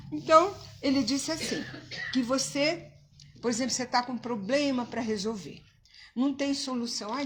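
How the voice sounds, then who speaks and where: A woman's voice: on the high side, fairly bright tone. A woman giving an informal religious lecture at a spiritist center, talking conversationally, asking rhetorical questions and acting out quoted thoughts.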